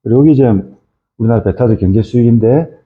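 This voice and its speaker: A man's voice: medium pitch, quick pace. A middle-aged man giving an informal lecture on fisheries, rambling with many fillers and tag questions. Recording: tinny phone-like audio.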